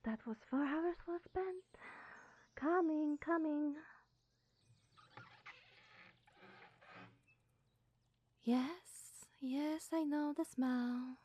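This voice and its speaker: In an ASMR roleplay, a woman plays a flustered, eccentric young witch who serves as groundskeeper. Her voice is soft, breathy, and high-pitched, and she takes it slowly while rambling and apologizing awkwardly.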